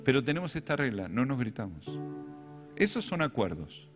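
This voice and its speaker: A man's voice: mid-range voice, very animated, moderate pace, over music. A middle-aged man with a Rioplatense Spanish accent, preaching a sermon as a pastor and telling stories with self-deprecating humor.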